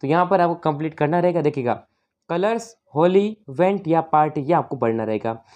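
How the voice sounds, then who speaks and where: A woman teacher with a Rajasthani Hindi accent explaining an exam paper step by step, calling the viewers "friends" and reading the English questions slowly. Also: deep voice, animated, a little mellow. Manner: explanatory, repeats "dosto", slow English readings. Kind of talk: exam paper walkthrough lesson.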